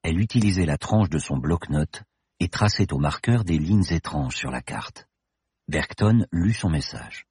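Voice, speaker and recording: A man narrating an audiobook in an even storytelling delivery. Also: very deep voice, measured pace, breathy edge, dry recording, clean studio sound.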